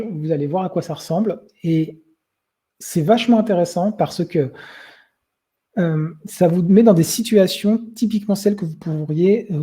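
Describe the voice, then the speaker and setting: A man's voice: fairly high pitch, dark tone, husky. A young man giving a conversational webinar talk, hesitating often with filler sounds. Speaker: webinar presenter.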